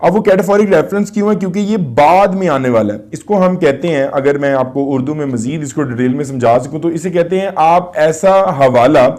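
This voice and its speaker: A man with a Pakistani accent teaching a class nine English lesson, reading English slowly and explaining quickly in Urdu. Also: a little high, darkish tone. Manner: addresses students directly, asks and answers his own questions.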